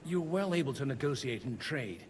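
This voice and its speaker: A man voicing a polite, quick-witted young hero in a game, courteous and gently wry. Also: mid-range voice, expressive, lightly acted. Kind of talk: game dialogue acting. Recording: echoey hall, faint background noise.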